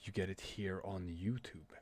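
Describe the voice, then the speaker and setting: A man chatting casually on a livestream from home, talking quietly but clearly, soft and halting as if others are asleep nearby. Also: low voice, slight background noise. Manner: quiet but clear, soft late-night talking to avoid waking a child; halting, hesitant. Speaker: livestream host. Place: room at home.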